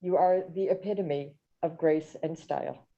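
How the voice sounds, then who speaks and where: Her voice low-pitched, gravelly, and dark, a newly sworn-in woman judge reads a formal prepared thank-you speech at a moderate pace. The courtroom recording has a dull, muffled quality.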